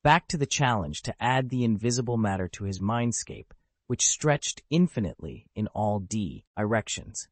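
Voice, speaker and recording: A man narrating an audiobook with a steady, literal reading of the text. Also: fairly low pitch, moderate pace, dry recording. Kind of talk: scripted narration.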